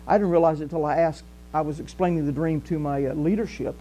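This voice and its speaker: A fast-talking older pastor with a Southern US accent and a voice on the high side preaches conversationally in a small church hall. Animated gestures and stage-walking mark his style, with faint mains hum in the background.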